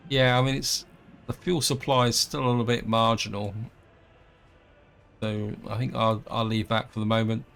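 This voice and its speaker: A man hosting a gameplay video, thinking aloud in a relaxed, rambling way with plenty of hedges. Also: lowish voice. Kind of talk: casual let's-play commentary.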